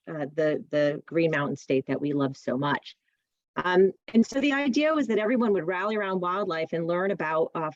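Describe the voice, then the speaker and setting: A woman's voice: on the low side, no room sound, dull audio. A woman directing a nonprofit, giving a friendly, informative talk to a public meeting over a video call. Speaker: presenter, nonprofit executive director.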